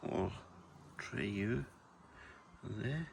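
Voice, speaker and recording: A man's voice: on the low side, expressive, very slow, gravelly, noisy background. A man giving a casual, matter-of-fact hands-on demonstration in short, plain-spoken phrases. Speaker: hobbyist demonstrating a homemade gadget. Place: shed and garden, partly outdoors.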